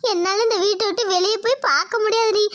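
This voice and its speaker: A woman's voice: fairly even intonation, fast talker, a bit bright, lo-fi sound. A woman voicing an anxious, middle-aged village mother in a cartoon, who wails and pleads. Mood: pleading. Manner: wailing, pleading, high-strung. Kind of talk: cartoon voice acting.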